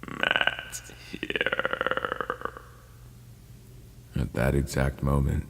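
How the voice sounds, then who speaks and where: Very deep, gravelly-voiced man narrating horror. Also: darkish tone. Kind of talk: scripted scary story narration. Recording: long reverb with faint ambient noise.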